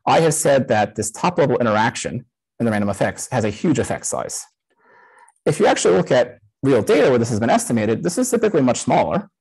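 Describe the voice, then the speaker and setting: Speaker, man in his 30s, husky voice that moves around a lot in pitch; relaxed live-coded talk through a headset. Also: fast, low-quality recording. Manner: casual, many "um" fillers. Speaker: conference speaker.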